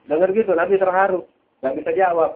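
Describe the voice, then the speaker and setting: A man, preaching and telling a story animatedly, with dramatic drops into quiet. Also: high voice, quick pace. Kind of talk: sermon storytelling. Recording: tinny phone-like lo-fi sound.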